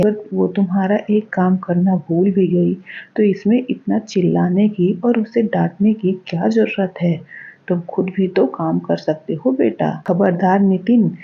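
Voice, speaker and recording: A woman's voice: on the low side, vocal fry, breathy edge, full character voice. A woman voicing an older mother-in-law in a cartoon story, commanding and emphatic, in a dull lo-fi recording. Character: older mother-in-law, stern then tender.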